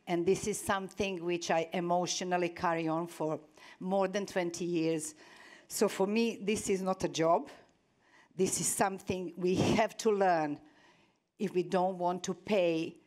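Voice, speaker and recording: Slow, earnest woman panelist. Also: fairly low pitch, steady tone, darkish tone. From Serbia. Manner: earnest, halting, searching for words. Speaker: panelist, media institute director. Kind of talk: conference panel talk. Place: conference stage, large hall.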